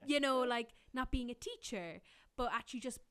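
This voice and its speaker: A woman workshop facilitator talks in a relaxed, chatty way with frequent laughter. Her voice sits a little high. She fills her speech with "like" and "you know.". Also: moderate pace. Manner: chatty, laughs often, heavy use of "like". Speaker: podcast co-host, workshop facilitator. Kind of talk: casual chat.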